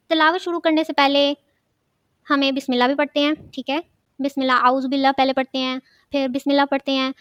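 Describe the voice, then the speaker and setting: High, a bit bright, and smooth, a woman's voice leads a children's religious studies class with no room sound audible. She tends to ask a question, supply the answer herself, and repeat the important words often.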